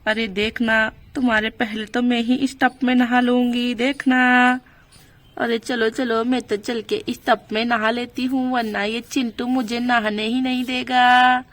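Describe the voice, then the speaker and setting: A woman voicing a young village girl in a doll story, protesting and quick to blame. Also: a little high, flat delivery, a bit bright. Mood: boastful.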